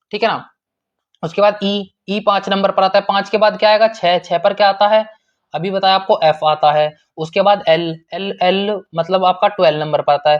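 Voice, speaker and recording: A man's voice: high voice, highs cut off. A man teaching an online exam-prep lesson in a casual, repetitive way, calling students brother and checking in often.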